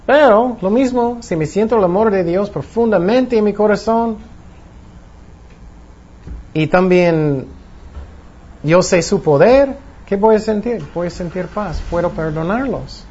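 A man's voice: high-pitched, a little slow, pauses often, a little mellow, husky. A man preaching a sermon with a plain teaching tone, asking his listeners rhetorical questions and acting out the worried voices in their heads. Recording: dull lo-fi recording with faint noise.

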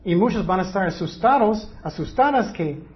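A man's voice: high-pitched, lively intonation, normal speed, highs cut off. A man preaching a sermon, teaching earnestly and asking his listeners rhetorical questions.

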